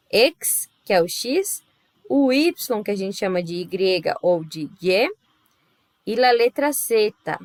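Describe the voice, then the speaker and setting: A Brazilian woman teaches a language class at an unhurried, deliberate pace. She explains patiently, pausing to check that her students follow. Her voice sits at a middle pitch and sounds close and dry, with no room echo. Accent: Brazilian Portuguese. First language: Portuguese. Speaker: Spanish teacher. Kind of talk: recorded class lesson.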